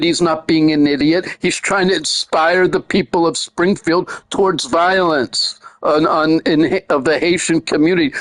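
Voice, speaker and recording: An agitated man with a high-pitched voice rants about a game, swearing often and circling back to the same complaints. His voice is heard dry and close, with no room sound around it. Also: no echo, poor audio. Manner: agitated, profane, repetitive ranting. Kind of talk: angry video game rant.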